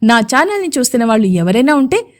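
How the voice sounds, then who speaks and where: A woman radio jockey narrates a romance audio story in a scripted, expressive way. Her voice sits on the high side and she leans into the emotion. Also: fast.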